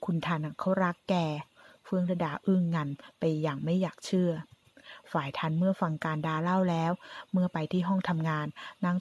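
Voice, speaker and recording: A woman narrating a drama story in a steady, even reading. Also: fairly low pitch.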